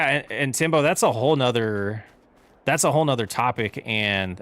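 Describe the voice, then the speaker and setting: Man, fairly low voice, casual live-stream chat, self-correcting, light vehicle noise in background. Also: a bit bright. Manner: rambling, self-correcting, answers chat questions. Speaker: streamer playing a farming game. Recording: faint game vehicle noise behind.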